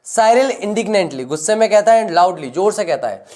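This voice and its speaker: A woman with a mid-range, expressive, mellow voice teaches English by reading a play's stage directions aloud. She reads each English line slowly, then paraphrases and explains it in Hindi.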